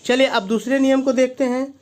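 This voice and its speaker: A man's voice: extremely high pitch, fairly even intonation, brisk. A male teacher giving a video lesson, who asks himself why and then answers, repeating each key point. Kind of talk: classroom-style video lesson.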